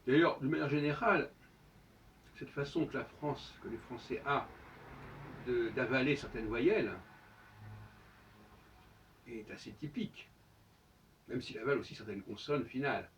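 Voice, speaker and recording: A man's voice: mid-range voice, a little slow, long pauses, fairly bright tone, a little hiss or hum. A man giving a solo spoken monologue as host, lecturing with emphatic rhetorical questions. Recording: distant, dull lo-fi sound.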